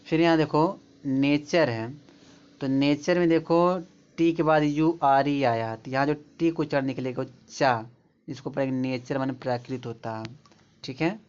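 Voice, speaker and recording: A man's voice: medium pitch, normal speed, a little mellow, clean tone. A man explaining English pronunciation rules, pointing at examples and repeating them. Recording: dull lo-fi recording.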